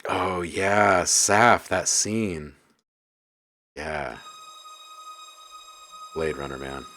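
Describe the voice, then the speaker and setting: A man with a low, sharp-toned voice speaks extremely slowly while hosting a casual live stream. He reads viewers' comments aloud and muses on them, then mutters to himself as he edits sounds.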